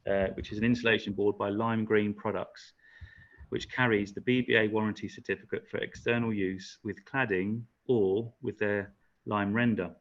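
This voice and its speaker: A man with a low, level voice talks practically through his own build in an online presentation, dropping in fillers as he goes. His sound is dull and lo-fi, like audio from a video call. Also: fairly even intonation, moderate pace. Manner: plain and practical, with frequent fillers. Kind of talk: webinar presentation.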